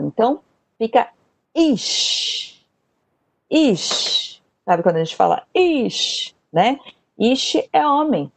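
A woman teaching an online Bible language lesson, taking her time over every word. She talks very slowly and patiently and repeats each term so her learners can follow. The sound is close and dry, with no room echo. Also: mid-range voice, creaky, a little mellow. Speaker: Hebrew teacher.

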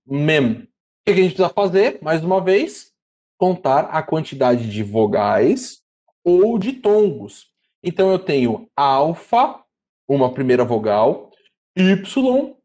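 A man teaching a casual lesson, chatty and spelling out syllables slowly. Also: on the high side, warm tone. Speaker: Greek teacher.

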